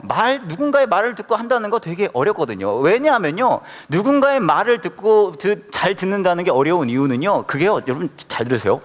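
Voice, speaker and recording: A man preaching to his congregation in a quick, high, lively voice that swoops up and down as he keeps firing questions at them. His words trail off into a long reverb from the church hall. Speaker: pastor. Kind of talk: sermon. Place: church worship service.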